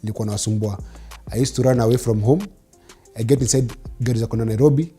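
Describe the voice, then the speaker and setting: Faint music sits behind a Kenyan man in his forties, a first-language Swahili speaker, as he tells his life story in a relaxed interview. His medium-pitched voice sounds warm and he speaks fast.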